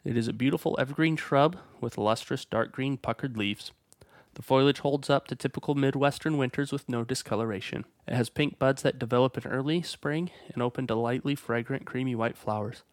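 A congested man, stuffed up from a cold, briskly reads plant guide notes for his nursery's weekly plant feature in a steady, informative way. His pitch is an ordinary middle, and the sound is dry with no echo.

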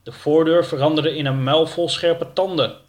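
A man narrating a children's audiobook in a steady, clear reading voice. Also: fairly high pitch, normal speed. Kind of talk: scripted narration of a children's book.

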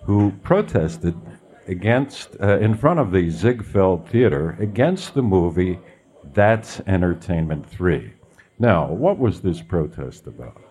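A man's voice: sits low, slow pace. A man hosting a radio program about theater, reading scripted anecdotes with playful emphasis and then interviewing a guest. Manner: lively, storytelling delivery with playful emphasis. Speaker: radio show host.

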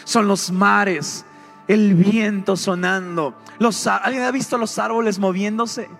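A man preaching a sermon, animated and questioning his congregation. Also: high voice, slow pace, creaky, big-room sound, soft background music.

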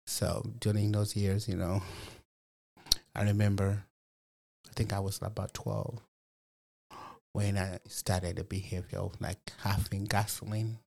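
Man, 40s, gravelly, lowish voice, reflective testimony with many fillers. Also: little pitch movement, measured pace, long pauses, dark tone. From Malawi. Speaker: program resident guest. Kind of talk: personal testimony interview.

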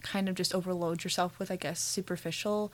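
A chatty young woman co-hosting a casual podcast, recorded in a spare bedroom of a house. She talks in a relaxed, friendly way, laughs easily, and often restarts her sentences. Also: fairly low pitch, a little fast. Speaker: podcast co-host.

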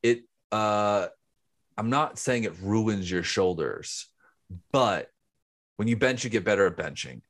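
A man's voice: on the low side, animated, slow pace, long pauses, a bit bright. A man co-hosting a podcast in casual chat, explaining things step by step. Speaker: podcast co-host.

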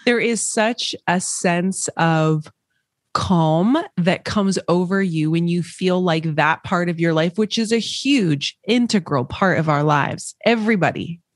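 A woman's voice: lowish voice, unhurried, no echo, studio quality. A woman hosting a podcast in casual, chatty conversation, laughing often. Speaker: podcast host. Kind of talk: casual chat.

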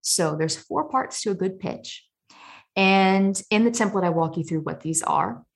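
A woman guest on a podcast, giving advice in an energetic, emphatic coaching way. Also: medium pitch, measured pace, vocal fry. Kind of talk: conversational interview.

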